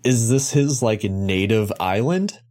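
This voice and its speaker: Rambling, jokey lower-voiced man. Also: animated, slow pace, a little mellow. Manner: rambling, jokey, swears freely, self-correcting. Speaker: podcast co-host. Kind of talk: casual chat.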